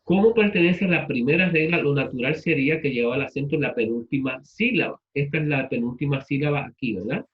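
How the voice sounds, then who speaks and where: A man's voice: mid-range voice, quick pace, few pauses, lo-fi sound. A man teaching a class, repeating students' answers and asking them questions in turn. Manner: patient, repeats answers back and asks questions.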